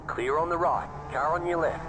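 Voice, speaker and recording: A man calling out terse pit radio calls as a race spotter in a racing game, flat and clipped. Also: fairly high pitch, moderate pace. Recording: loud engine noise behind. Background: racing car engines.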